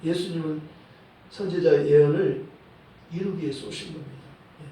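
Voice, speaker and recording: A male pastor preaching a sermon in a church, in a measured way, often dropping a short "yes" between phrases and quoting verses. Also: fairly high pitch, warm tone, slight background noise. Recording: echoey hall, voice from a distant mic.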